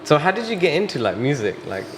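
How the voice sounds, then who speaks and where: Male podcast host, relaxed slang delivery, echoey room. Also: a little high, quick pace, slight background noise. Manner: easygoing, slangy, laughs along. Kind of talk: casual interview chat. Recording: roomy echo.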